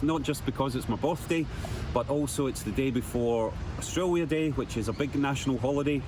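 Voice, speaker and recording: Man, casual outdoor greeting, mid-range voice, audible traffic in the background. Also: mid-range voice. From Scotland. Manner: chatty, tour-guide-like description of surroundings. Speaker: guest well-wisher. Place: outdoors on a city hilltop.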